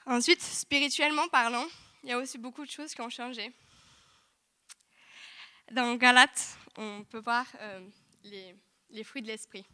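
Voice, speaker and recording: A young woman giving a lively, chatty testimony in church, full of asides to the congregation. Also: on the high side, a little slow, pauses often, clear, resonant tone. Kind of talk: sermon testimony. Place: church hall.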